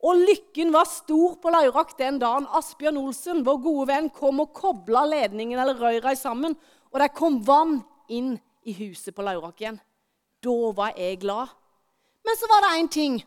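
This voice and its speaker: A woman preaching to children and adults in church, telling a lively story and asking the audience questions. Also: sits high. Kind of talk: children's sermon.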